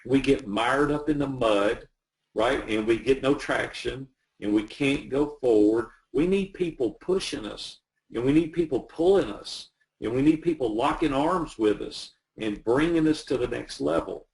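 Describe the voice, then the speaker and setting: Gravelly earnest man telling stories. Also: medium pitch, a little slow, low-quality recording. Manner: earnest, animated storyteller. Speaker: business coach. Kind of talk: casual interview storytelling.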